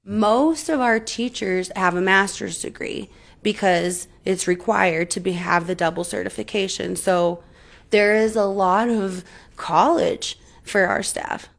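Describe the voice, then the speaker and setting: A woman acting as an interpreter, voicing a signer's words in translation, with a halting delivery that restarts mid-sentence. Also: mid-range voice, gravelly. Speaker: sign language interpreter. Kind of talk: spoken live interpretation.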